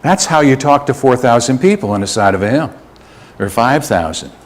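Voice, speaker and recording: A man preaching a sermon as a minister in a church sanctuary, animated and leading the congregation in call and response. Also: mid-range voice, normal speed.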